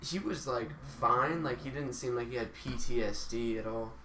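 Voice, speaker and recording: A man's voice: medium pitch, moderate pace, sharp tone, recorded from a distance. A young man in casual chat, telling a rambling story full of fillers, as a podcast co-host among friends. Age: young adult. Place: room with friends. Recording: roomy echo, off-mic, faint hiss.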